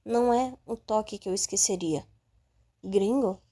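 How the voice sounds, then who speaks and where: A woman reading a first-person audiobook in a calm, steady way. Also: on the high side, normal speed. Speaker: audiobook narrator.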